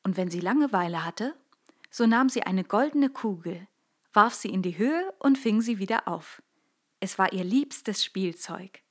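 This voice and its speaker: A woman narrating a classic fairy tale with expressive storytelling. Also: medium pitch, normal speed.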